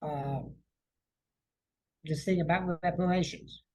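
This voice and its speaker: A male guest on a podcast, explaining his views in an earnest, measured way with pauses between phrases. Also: fairly high pitch, fairly even intonation, dark tone, low-quality recording. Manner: measured, earnest, pausing with fillers. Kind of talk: conversational interview.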